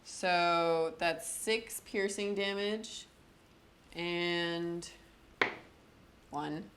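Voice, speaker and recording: A woman's voice: on the low side, extremely slow, background noise. A woman playing a tabletop game, thinking through rolls and numbers aloud in a hesitant way. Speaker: player.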